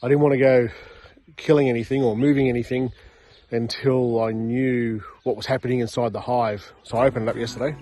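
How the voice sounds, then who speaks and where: A man's voice: medium pitch, steady tone, a little fast, dark tone. A middle-aged man vlogging casually and plainly about what he is doing, outdoors beside buzzing beehives. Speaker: hobby beekeeper vlogger. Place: outdoors in a rural yard among beehives. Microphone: handheld phone camera at arm's length.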